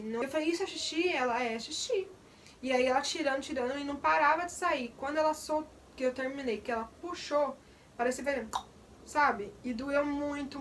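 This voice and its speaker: A woman's voice: high voice, a bit bright, distant mic, a little hiss or hum. A young woman, candidly recounting a personal testimony in detail. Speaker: vlogger. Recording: voice a bit off the mic.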